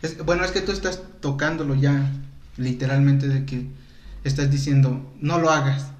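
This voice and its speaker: A man's voice: mid-range voice, normal speed. Joking Mexican man in an echoey room. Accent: Mexican Spanish. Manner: joking, animated, quotes others. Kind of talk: casual chat.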